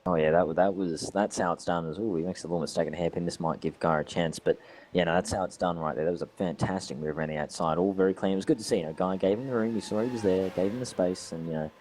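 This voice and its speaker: Australian male race commentator, low voice, chatty and rambling, light background noise. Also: fast, a little mellow. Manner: chatty, laughs often, rambling asides. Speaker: sim racing commentator.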